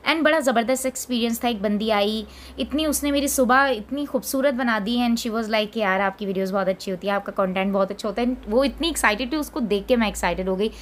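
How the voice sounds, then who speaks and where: A woman's voice: a little high, fast talker, slight background noise. A young adult woman, chatting casually in a vlog and mixing in English phrases. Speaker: vlogger.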